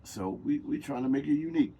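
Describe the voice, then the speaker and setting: A man co-hosting a podcast, talking in a relaxed, loose, conversational way. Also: fairly high pitch, fast, creaky, slight background noise. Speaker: podcast co-host. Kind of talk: casual chat.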